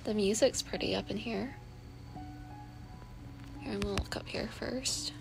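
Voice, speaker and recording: A woman streamer gives casual, musing commentary on her gameplay, calling her chat "y'all" over game music. Her mid-range voice is a little slow and creaky, and the recording sounds rough.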